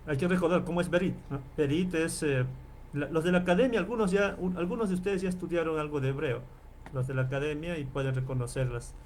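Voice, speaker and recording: A man lecturing as a professor in an online class, explaining and repeating terms slowly and checking in with his listeners often. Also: a little high, a little hiss or hum. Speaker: Bible professor.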